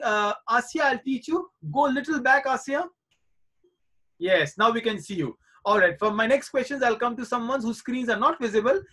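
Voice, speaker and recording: A man's voice: very high voice, fairly bright tone. A man in his forties teaching children in a live online class over a video call, reassuring and coaxing them and repeating his points. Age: 40s.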